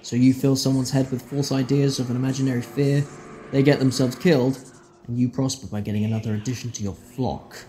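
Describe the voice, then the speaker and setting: An actor playing a clever, defiant time-travelling hero in an audio drama, with a deliberate, theatrical delivery. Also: male voice, mid-range voice, flat delivery, mellow, slight background noise, close to an everyday voice.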